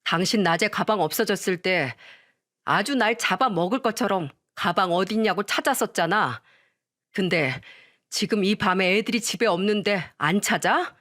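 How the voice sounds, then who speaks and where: A woman's voice: medium pitch, normal speed, a bit bright, close to an everyday voice. Woman doing a fed-up husband in a radio story, firm and stern. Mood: indignant. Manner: firm, raised voice.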